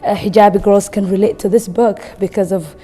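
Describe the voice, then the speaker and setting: A Somali woman in her twenties, a recent graduate who later lived in Kenya, talks casually about a book as a guest reader, often saying "you know." Her medium-pitched voice is mellow and brisk, with fairly even intonation. She sits in an indoor room with a wood-panel wall, where the sound is reverberant and music plays behind her.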